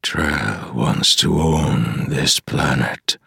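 A man voicing an ancient, weary male demigod who speaks slowly and gravely. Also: pushed and bright, no echo, clean studio sound, full character voice. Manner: slow, heavy, low delivery.

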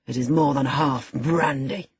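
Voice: medium pitch, a little slow, breathy edge, no room sound. A reader voicing a brutal, scornful man who barks commands and insults in an audiobook. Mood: furious. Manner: harsh, commanding, contemptuous. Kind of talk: audiobook character voice.

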